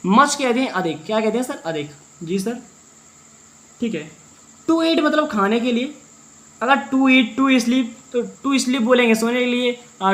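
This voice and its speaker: A man teaching as a teacher, translating a story word by word, talking fast and answering his own questions. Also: very high-pitched, a bit bright. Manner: fast-talking, brisk and drilling.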